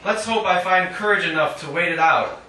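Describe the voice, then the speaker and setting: A man with a high voice, speaking at a normal speed, is the featured poet at a live reading. He reads with a wry, sardonic manner and drops casual asides. The recording is roomy, with a distant mic and faint noise.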